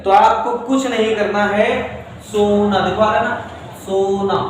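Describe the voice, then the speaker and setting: A man teaching English grammar in a classroom lesson, slowly repeating phrases word by word and mixing English into his explanations. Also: high voice, fairly even intonation. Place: classroom with a board. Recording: echoey room, mic far off, faint noise.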